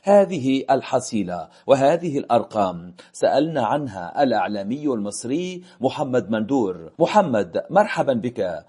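Dark, husky male radio news presenter. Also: mid-range voice, very animated. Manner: measured, formal delivery. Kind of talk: scripted news reading.

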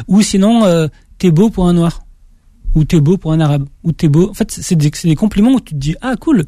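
A young French man with a slight Auvergne accent, an author guest, answers interview questions hesitantly and restarts often. His voice sits high and sounds mellow, animated, and a little fast. The sound is clean and studio-like, with no room sound.

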